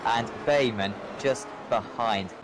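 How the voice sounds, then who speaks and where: A man commentating live on a sim race as a motorsport commentator, with an excitable play-by-play delivery that lifts with the action. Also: medium pitch, slow. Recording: clear engine noise behind. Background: race car engines.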